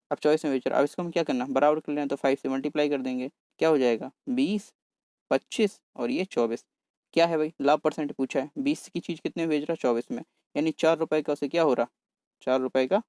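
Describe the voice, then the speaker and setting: A man teaching exam maths in a brisk, chatty way, talking fast on purpose and coaxing his viewers along. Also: on the high side, a little mellow, dry recording. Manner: brisk, talks fast on purpose to cover the paper. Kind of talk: solving exam paper on screen.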